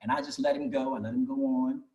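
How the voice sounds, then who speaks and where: A man's voice: mid-range voice, steady tone, fast, mellow. A man giving an earnest, folksy talk at an online community meeting, with many restarts. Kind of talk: storytelling presentation. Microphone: video call mic. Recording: echoey room.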